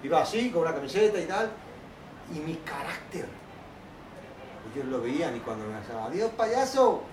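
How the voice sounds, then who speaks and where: A man giving a lively workshop talk to an audience, acting out children's voices as he tells stories. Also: a little high, a little fast, noisy background. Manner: animated, acts out children's voices. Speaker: children's ministry teacher. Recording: echoey hall, from a distance.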